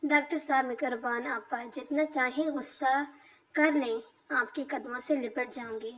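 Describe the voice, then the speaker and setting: A woman voicing a gentle, shy young female patient who speaks softly and quietly. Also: sits high, steady tone, moderate pace, poor audio. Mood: tender.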